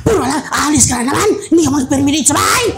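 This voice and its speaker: A man's voice: very high voice, animated, racing, heavy background noise, voice pushed up. A man mimicking a nagging, scolding wife in a sermon, with an exasperated, complaining manner.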